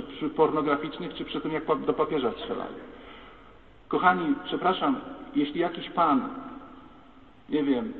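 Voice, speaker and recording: A man, a priest, giving an animated sermon that speaks straight to his congregation. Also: a little high. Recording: far-off mic in echoey church, phone-like sound.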